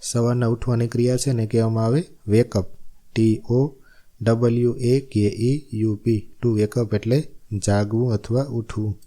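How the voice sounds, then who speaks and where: A man's voice: medium pitch, dark tone. A man with a Gujarati accent teaching a spelling lesson, spelling each word letter by letter and repeating its meaning. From Gujarat, India.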